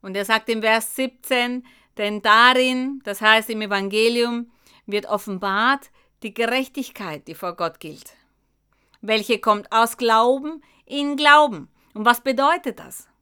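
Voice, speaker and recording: Woman giving a sermon in church, real slow, bright clear voice, stresses each phrase. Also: on the high side. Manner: slow, emphatic Bible exposition addressing the congregation. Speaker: preacher.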